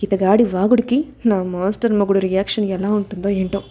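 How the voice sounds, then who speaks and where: A woman voicing a fiery young woman disguised as a man, sharp-tongued and scolding. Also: mid-range voice, steady tone, brisk, voice pushed down, close to an everyday voice. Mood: grumbling.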